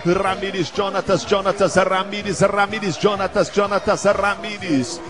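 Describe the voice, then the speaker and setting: A Brazilian man calling football in an explosive, shouted goal commentary, emphatic and repeating names. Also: high voice, fairly even intonation, slow. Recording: loud music and crowd behind voice. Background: music and stadium crowd.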